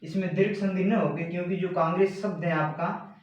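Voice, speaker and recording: A male teacher giving a grammar lesson, slowly repeating and stressing key words. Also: sits high, fairly even intonation. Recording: very echoey room.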